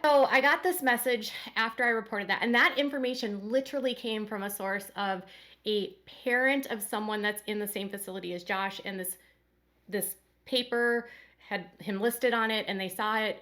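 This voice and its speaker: A woman with a congested nose from a cold hosts a casual commentary channel, rambling as she talks directly to her viewers. Her voice is mid-range and fairly bright, at a moderate pace.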